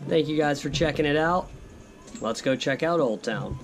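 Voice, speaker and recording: A man's voice: animated, normal speed. A young man talking casually to the camera like a vlogger, with an upbeat, enthusiastic, slangy manner. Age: young adult. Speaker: vlogger and skateboarder. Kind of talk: casual vlog talk to camera. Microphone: camera at arm's length. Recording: noisy action-camera sound, background rumble.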